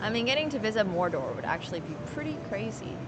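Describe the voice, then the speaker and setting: Heavy background noise surrounds a woman's fast, sing-song, medium-pitched voice. She's from Finland and is casually live streaming poker, thinking aloud in scattered fragments and responding to viewers.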